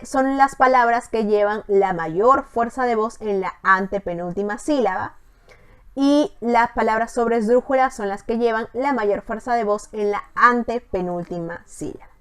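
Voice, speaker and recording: Woman, teacher, online grammar lesson, patient step-by-step explaining, higher pitch. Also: unhurried, smooth. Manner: explains step by step, often adds a checking "¿ok?".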